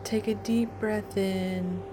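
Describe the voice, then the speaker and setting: A woman narrating a guided meditation in a calm, soothing, deliberate way with long pauses. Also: medium pitch, background noise. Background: music.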